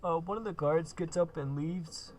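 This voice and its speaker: A man's voice: fairly high pitch, normal speed, darkish tone, a little hiss or hum. A man giving a laid-back, casual gameplay walkthrough, full of uh and kinda. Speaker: gaming video host.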